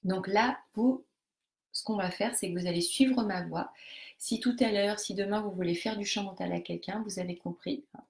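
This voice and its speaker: A woman's voice: medium pitch, fairly even intonation, moderate pace, creaky. A woman leading a live group coaching session, explaining a technique step by step to participants with frequent hesitations and restarts. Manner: hesitant, many fillers and restarts while explaining; instructive, talks directly to participants.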